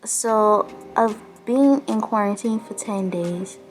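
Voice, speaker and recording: A young Barbadian woman speaks slowly in a medium-pitched voice, holding the camera close for a personal vlog from quarantine. She comes across as drained, downhearted and frustrated, sighing along the way.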